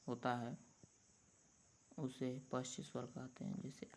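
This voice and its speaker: Slow, measured man teaching a lesson. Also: mid-range voice, fairly even intonation, a little hiss or hum. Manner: slow, measured, drawn-out letter sounds. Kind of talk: explaining a grammar lesson.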